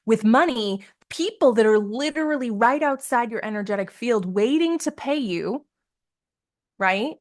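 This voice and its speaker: A woman's voice: a little high, animated, measured pace. A woman leading a live coaching session, upbeat and encouraging, laughing often as she talks with participants over a video call. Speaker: business coach.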